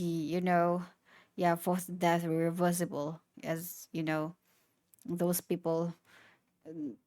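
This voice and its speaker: A woman's voice: fairly low pitch, darkish tone, dry recording, clean studio sound. A woman streamer reading game lore aloud, stumbling over words and breaking off to react.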